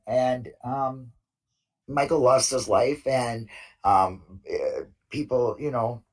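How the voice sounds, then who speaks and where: At a casual open mic discussion, a low-voiced woman retells events indignantly, using many fillers. The mic is distant and the audio is poor.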